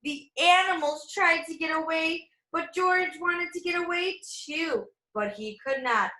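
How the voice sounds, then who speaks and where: A woman reads a picture book aloud to young children, telling it expressively like a teacher at storytime. Her high-pitched voice sounds pushed and bright, and she never hurries. The room has a noticeable echo.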